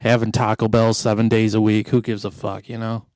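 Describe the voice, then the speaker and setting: A man's voice: fairly low pitch, monotone, brisk, darkish tone, dry recording. A middle-aged man hosting an improv comedy podcast, rambling along in a jokey, mock-sentimental way. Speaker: podcast host.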